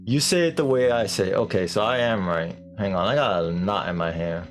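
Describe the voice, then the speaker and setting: A man's voice: lowish voice, a little fast, faint music behind. A man live-streaming a game, chatting casually and animatedly with viewers, laughing and swearing offhand.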